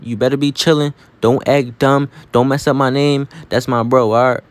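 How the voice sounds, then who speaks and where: A man's voice: medium pitch, fairly even intonation, moderate pace, no echo. A man hosting a comedy skit, talking in slang in a bossy, teasing way.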